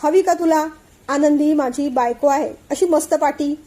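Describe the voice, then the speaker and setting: A woman's voice: sits high, measured pace, warm tone. A woman voicing a cheeky younger brother. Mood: joking.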